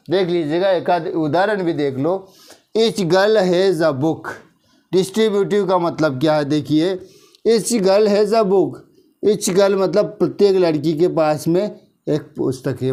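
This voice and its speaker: A man with a Hindi accent teaching English grammar, explaining slowly and checking in with the class after each point. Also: on the high side, a little mellow. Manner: slow explaining, drawn-out example sentences, frequent "theek hai na" checks. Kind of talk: classroom-style grammar lesson.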